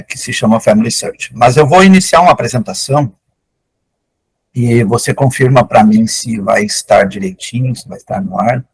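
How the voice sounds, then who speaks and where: A man's voice: mid-range voice, slightly rough, poor audio. An older man giving an online lecture as a guest genealogist, explaining in an enthusiastic, conversational way over a video call.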